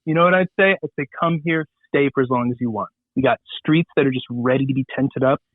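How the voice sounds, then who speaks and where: A man's voice: mid-range voice, fast, no echo. A man as a radio guest, talking in a loose, rambling way with crude humor and many fillers. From Southern California. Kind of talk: casual radio interview. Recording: tinny phone-line sound.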